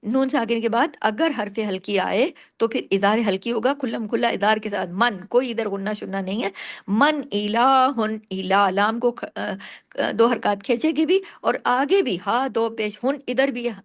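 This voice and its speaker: High-voiced woman teaching recitation rules. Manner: patient, explanatory, asks and answers her own questions; slows down sharply to recite words. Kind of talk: tajweed lesson, explaining and reciting.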